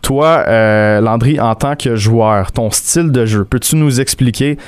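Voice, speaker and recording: A man's voice: mid-range voice, measured pace, clear, resonant tone, no room sound. A man with a Québécois French accent hosting an interview, friendly and a bit hesitant with frequent fillers. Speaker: show host.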